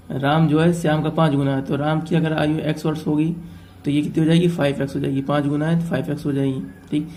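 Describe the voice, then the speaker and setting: Man teaching math in a flat, mellow voice. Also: fairly high pitch. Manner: explains step by step, often checking with "ठीक है". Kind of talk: exam-prep math lesson.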